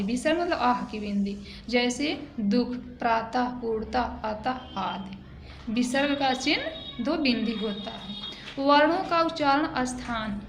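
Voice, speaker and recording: A high-pitched woman with an eastern Uttar Pradesh accent teaches grammar to schoolchildren, going slowly and checking that they follow. The room rings with echo and there is a faint hiss behind her. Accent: eastern Uttar Pradesh Hindi. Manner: slow, explaining, repeats and asks "है ना". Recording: echoey room with faint noise.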